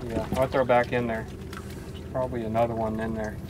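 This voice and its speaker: A man's voice: mid-range voice, flat delivery, fairly quick, noisy background. A man guiding a fishing trip, casually explaining how fish behave, outdoors on a boat. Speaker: fishing charter captain. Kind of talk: casual chat while fishing.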